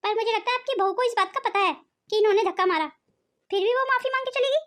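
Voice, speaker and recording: Meddling aunt voiced by a woman: mocking, gossipy, quick. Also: very high voice, fairly bright tone. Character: meddling middle-aged aunt, spiteful.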